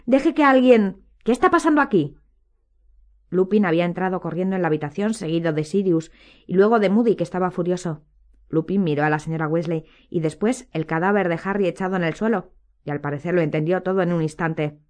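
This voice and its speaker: A woman narrating an audiobook in a measured, even reading voice. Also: fairly low pitch.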